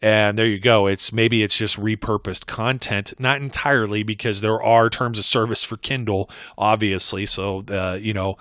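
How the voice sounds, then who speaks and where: A low-pitched man speaks in a relaxed, conversational monologue, circling back and correcting himself as he goes. The sound is dry and close, with no room echo. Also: moderate pace, hardly any pauses. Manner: rambling, conversational, frequent self-corrections. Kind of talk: casual advice monologue.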